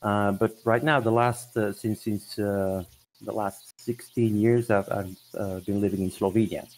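A man's voice: on the low side, fairly even intonation, unhurried, a little mellow, slight background noise, poor audio. A man in his forties from Belgium, a guest answering questions in a casual video-call interview, hesitant with many restarts. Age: 40s.

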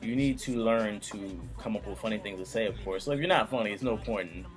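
A young YouTube tutorial host with a somewhat low voice talks fast, joking loosely as he walks viewers through a casual screen-recorded tutorial. He is captured on a built-in computer mic in a small home room, faint music playing behind him.

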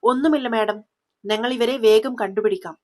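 A cowering male police inspector who fawns over his superior and then stammers with fear, as a woman storyteller puts him on. The voice sits a little high and has a soft edge. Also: moderate pace, lightly acted. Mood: nervous.

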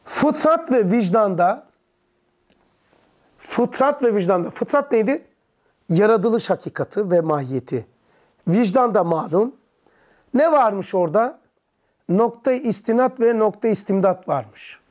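A man with a fairly high voice teaches a religious text to a small study circle. He fires short questions at his listeners, answers many of them himself, and breaks hard terms down into everyday words. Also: expressive, takes it slowly, long pauses, a little mellow. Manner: explains terms in plain words; leans back in an armchair while teaching.

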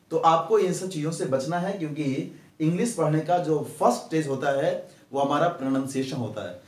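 A man teaching English pronunciation in Hindi, repeating each rule slowly and answering his own questions. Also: on the high side, a little mellow. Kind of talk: Hindi grammar lesson. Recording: echoey room, distant mic.

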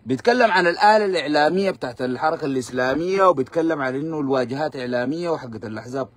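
Fiery fast-talking Sudanese commentator, man. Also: on the high side. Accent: Sudanese Arabic. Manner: fiery, combative ranting. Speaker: political commentator. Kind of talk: live-stream political commentary.

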